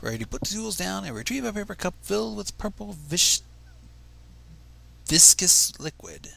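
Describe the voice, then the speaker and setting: A man with a high, creaky voice at normal speed hosts a livestream fan fiction reading. He narrates expressively but keeps breaking off into casual, exasperated asides, with swearing.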